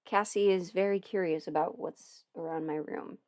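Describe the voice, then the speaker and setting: A woman with a lowish, steady, slightly mellow voice talks at a normal speed as she livestreams from home, rambling casually and muttering while fiddling with settings. She's an audio performer alone in her house, recorded dry and studio quality on a studio mic through an audio interface.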